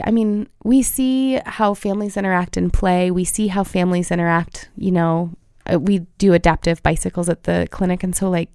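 Woman in her thirties, feeding therapist, earnest and heartfelt, lots of fillers, creaky voice, dry close sound. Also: medium pitch, darkish tone, no room sound. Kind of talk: conversational interview.

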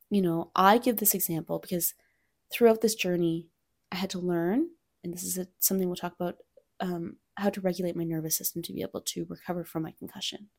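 A woman in her thirties hosting a podcast, speaking candidly and reflectively about her own experience, sometimes dropping almost to a whisper. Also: fairly low pitch. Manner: candid, reflective, softens to near-whispers at times. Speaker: podcast host and coach for mothers. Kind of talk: personal solo podcast talk.

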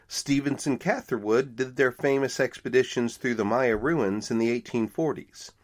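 Lively, animated male podcast host. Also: medium pitch. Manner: animated, conversational, wry asides. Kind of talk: casual storytelling podcast.

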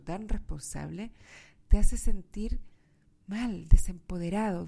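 A woman's voice: medium pitch, gravelly, warm tone. A woman with a nasal voice, stuffed up from allergies, giving a reflective motivational monologue and addressing the listener directly. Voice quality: nasal, congested voice. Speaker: host of a self-help podcast.

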